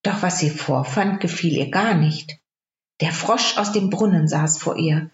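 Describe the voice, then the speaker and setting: A woman reads a fairy tale aloud in a calm, measured storybook style. Her voice sits in a roomy space, and the recording is dull and lo-fi. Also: low-pitched.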